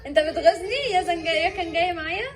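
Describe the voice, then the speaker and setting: A woman's voice: very high-pitched, very fast. A young Egyptian mother at home, coaxing her baby in a sing-song, laughing way while she films. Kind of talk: home video chat with her children. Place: at home near the kitchen.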